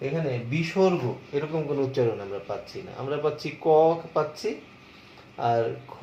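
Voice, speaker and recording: A man's voice: medium pitch, dark tone, a little hiss or hum. A man from Bangladesh, a college lecturer, explaining step by step and answering his own questions. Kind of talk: lecture on pronunciation. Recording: echoey, muffled room recording.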